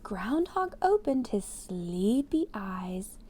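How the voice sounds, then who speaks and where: An American woman with a medium-pitched, husky voice hosts a children's read-aloud, speaking slowly. She explains and reads in an animated way, addressing young listeners directly.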